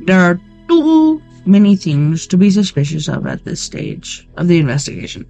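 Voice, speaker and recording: A woman voicing a male police chief with a mock Indian accent, giving a stiff, slow official statement. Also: fairly low pitch, wildly swooping pitch, gravelly, dark tone, soft background music, exaggerated voice. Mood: grave.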